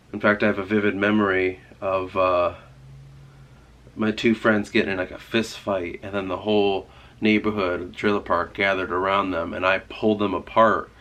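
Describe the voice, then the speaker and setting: Congested man rambling in a low voice. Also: fairly bright tone. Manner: rambling, heavy swearing, many "like"s. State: congested, stuffy-nosed and sore-throated. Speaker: writer vlogging. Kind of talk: casual rambling vlog talk.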